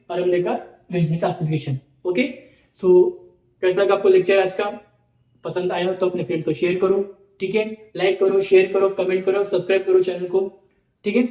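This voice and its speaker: This online video lecture features a man with a high, slightly mellow voice teaching Sanskrit, reciting the letters one by one. He explains repetitively and checks in often with "ठीक है" and "okay." The sound is roomy and the audio poor.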